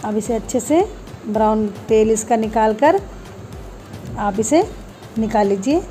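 Mellow-voiced woman guiding a home recipe. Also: on the high side, measured pace, soft background music. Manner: homely, talks viewers through each step. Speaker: home cooking channel host. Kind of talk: step-by-step recipe voice-over.

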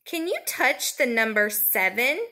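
A woman with a bright, high voice speaks as a preschool teacher would to a toddler. Her delivery is slow and sing-song, with simple questions and pauses left for the child to answer. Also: lively intonation. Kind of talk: children's counting lesson, as if to a toddler.

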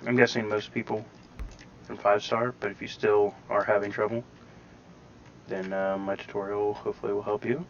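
A gaming tutorial host gives casual gameplay commentary, rambling step by step with some hedging. His fairly low, slightly bright voice has its highs cut off and sounds a bit robotic from processing, with faint background noise.

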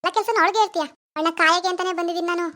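A woman's voice: very high-pitched, steady tone, racing, fairly bright tone. A woman voicing a vengeful female ghost in a cartoon, scolding and threatening a lazy husband. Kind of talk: animated cartoon voice acting.

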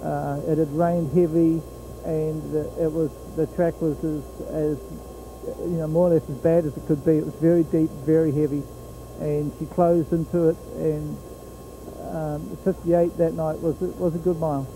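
A middle-aged man with a New Zealand accent, a horse trainer speaking in an outdoor trackside interview, plain-spoken with many pauses and fillers. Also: fairly high pitch, little pitch movement, mellow, a little hiss or hum, low-quality recording. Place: outdoor fairground racetrack.

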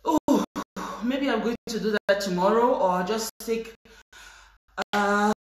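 A woman's voice: medium pitch, takes it slowly. A young woman hosting a casual live fitness chat in a hesitant, informal, giggly way. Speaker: live video host. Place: indoors, tiled room at home. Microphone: phone a few steps away. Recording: very echoey bare room.

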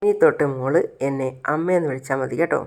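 A woman's voice: sits low, fast talker, darkish tone. A woman voicing a scheming woman who is suddenly sweet and coaxing toward a young girl, in her own plain voice. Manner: coaxing, sugary.

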